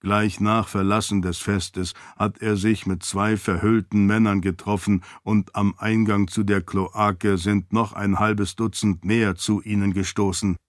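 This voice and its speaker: A man's voice: lowish voice, little pitch movement, unhurried, hardly any pauses, no room sound, studio quality, natural voice. A man doing a formal servant spirit. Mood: dutiful. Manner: stiff, formal and deferential. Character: dutiful, formal floating light-spirit servant. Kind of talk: audiobook character voice.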